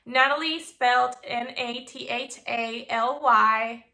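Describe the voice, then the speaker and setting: A woman's voice: fairly high pitch, fairly even intonation, slow, vocal fry, bright, forceful tone. A woman in her twenties from Venezuela, chatting casually to camera as a vlogger, bubbly with playful asides. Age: 20s.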